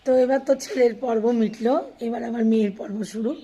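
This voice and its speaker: A hoarse woman in her thirties, a mother chatting through her daily routine in a casual vlog. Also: a little high, steady tone, fast, warm tone. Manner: chatty, addresses viewers directly. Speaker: vlogger and mother.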